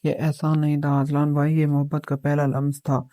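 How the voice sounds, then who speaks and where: A man voicing a patient, devoted young woman in a storybook reading, with a soft pleading delivery. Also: a little high, completely flat delivery, no room sound, studio quality, natural voice.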